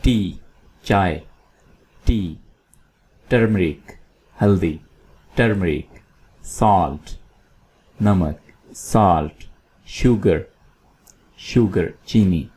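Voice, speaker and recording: A man teaching English food words in Urdu, repeating each word slowly for learners to copy. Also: deep voice, a little mellow. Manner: slow, drilling words by repetition. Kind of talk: vocabulary lesson in Urdu.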